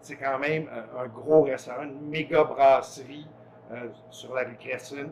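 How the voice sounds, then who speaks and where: A man's voice: medium pitch, steady tone, measured pace, slight background noise. A man hosting an interview, casual and conversational, steering with short questions. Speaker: interviewer, host. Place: production kitchen.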